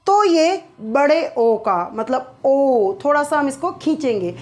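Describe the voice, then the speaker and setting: A woman's voice: high-pitched, big pitch swings, measured pace, darkish tone. A woman teaching phonetic symbols, who asks her students questions, answers them herself and draws out sounds to demonstrate them. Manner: repeats key points as quiz questions and answers them. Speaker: English teacher.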